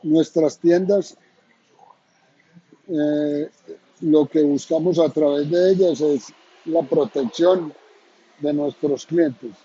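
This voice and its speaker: A middle-aged man from Colombia with a Colombian accent, hosting and talking to viewers in an earnest, measured way with hesitant pauses. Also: a little high, fairly even intonation, mellow, slightly rough. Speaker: host. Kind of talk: casual talk to viewers. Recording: dull lo-fi sound.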